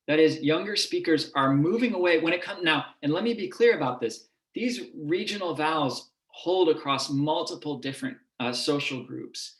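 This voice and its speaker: A male university linguistics professor gives a public lecture in a fairly high voice, steady and explanatory. His delivery is measured, with occasional restarts, and the room is echoey.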